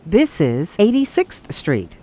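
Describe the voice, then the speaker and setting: Slow, lilting train loudspeaker announcer. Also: medium pitch, huge pitch swings, breathy edge, dull audio. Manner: measured, evenly spaced phrasing. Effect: played over a train loudspeaker. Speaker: recorded subway announcer.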